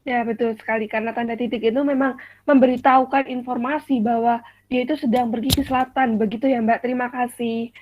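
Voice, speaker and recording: A woman's voice: on the high side, steady tone, fast, darkish tone, a little hiss or hum. A young woman teaching an online class as the teacher, explaining step by step and quizzing her students with examples. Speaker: teacher in a practice lesson. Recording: dry tinny call audio.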